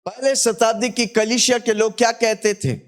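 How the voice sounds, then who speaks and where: Male pastor, high voice, call-and-response sermon delivery. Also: fairly even intonation, normal speed. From India. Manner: call-and-response preaching, urging listeners to shout back; repeats scripture after the reader.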